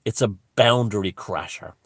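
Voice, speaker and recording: A man's voice: on the low side, moderate pace, a bit bright, husky, no room sound. Emphatic Irish man, dry close sound. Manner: emphatic, profane, with broken restarts. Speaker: commentator. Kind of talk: unscripted opinionated monologue.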